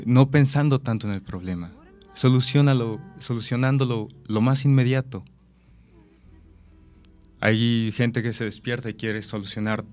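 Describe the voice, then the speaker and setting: A man's voice: medium pitch, darkish tone. A man, an actor and director, explaining his ideas thoughtfully with examples and rhetorical questions. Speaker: actor and director, interview guest. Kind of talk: reflective interview talk.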